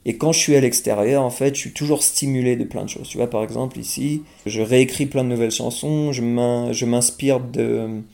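Talking briskly with few pauses, the young French singer-songwriter still hesitates a great deal, using many fillers and restarting sentences. As an interview guest he sounds casual, his low warm voice roughened with fry and his tone relaxed and mellow.

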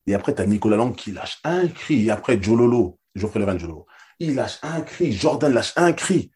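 A former basketball player and interview guest, telling anecdotes in a loose, slangy, emphatic way with many repeated words. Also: male voice, medium pitch, big pitch swings, normal speed, a little mellow, breathy edge. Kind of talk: casual storytelling.

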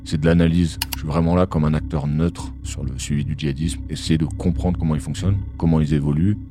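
A man's voice run through a voice changer, dropped to an extremely deep, unnatural pitch. He talks as an analyst guest in an interview, calm and explanatory, pausing often on fillers as he thinks. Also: gravelly, music in the background. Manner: measured explanatory talk with frequent hesitations. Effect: voice changer, disguised voice. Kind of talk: podcast interview.

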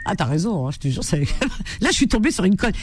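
A woman hosting a radio call-in show, animated and teasing, laughing often with callers. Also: mid-range voice, quick pace, a little hiss or hum. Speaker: radio host. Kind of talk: lively radio call-in chat.

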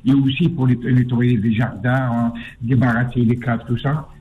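A man's voice: mid-range voice, fairly even intonation, moderate pace, faint music behind. A man calling into a radio show, stammering and repeating his words in an insistent way. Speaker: caller. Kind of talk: phone-in chat. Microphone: phone. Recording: tinny phone line.

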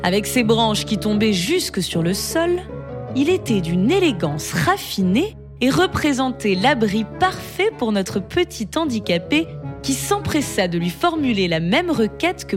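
A woman narrating a fable in an expressive storybook reading style. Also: a little high. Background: background music.

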